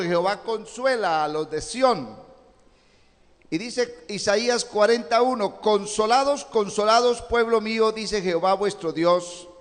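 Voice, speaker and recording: A man preaching a sermon as a pastor, speaking slowly and deliberately and swelling louder when he reads scripture aloud. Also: high voice. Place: church sanctuary. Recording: long church reverb, live stream.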